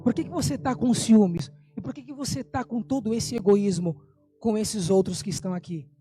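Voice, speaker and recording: A man voicing an unfaithful wife who calmly scolds her husband for his jealousy. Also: high-pitched, moderate pace, over music, close to an everyday voice. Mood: dismissive. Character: self-centered unfaithful wife, calm and dismissive.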